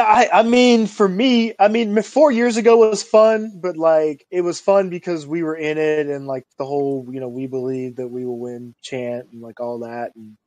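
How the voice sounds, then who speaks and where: A man's voice: on the high side, no room sound. Laid-back man in his thirties, dry sound. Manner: relaxed, rambling, many fillers. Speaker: podcast co-host. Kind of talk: casual chat.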